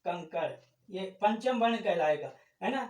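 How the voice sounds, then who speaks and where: In this classroom-style Hindi grammar lesson, a man speaks a little slowly in a high, expressive voice with a darkish tone. He goes step by step, repeats the key terms, and keeps asking the class questions only to answer them himself. The recording is off-mic, in a room with noticeable echo.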